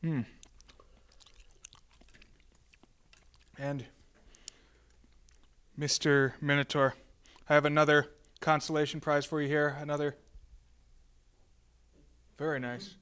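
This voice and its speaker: Man acting as horror-host count, public access TV host, higher-pitched, clean resonant voice, mock-formal, rambling, genial. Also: level tone, a bit bright, clear, resonant tone. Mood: genial, coaxing. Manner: mock-formal, wordy, halting.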